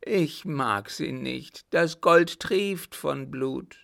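A man voicing a tormented, raving young baron who wails in high, anguished outbursts, his voice a little gravelly. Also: extremely slow, a bit bright, full character voice. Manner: shrill, wailing, anguished outbursts.

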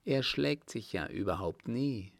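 An earnest, timid young French noblewoman, read by a man who lifts his low voice slightly. She speaks slowly and with care. The gravelly tone sits close and dry, with no room around it. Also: lively intonation, dry recording.

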